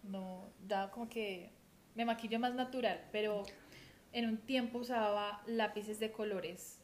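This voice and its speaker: A woman with a Colombian accent, co-hosting a casual podcast chat with quick, chatty asides. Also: medium pitch, steady tone, slight background noise. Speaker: podcast co-host.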